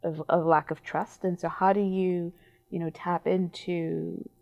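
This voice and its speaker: A woman from Cameroon, a guest in a studio panel conversation, speaking earnestly and deliberately with drawn-out pauses. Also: lowish voice, level tone, gravelly, darkish tone, highs cut off. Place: small TV studio.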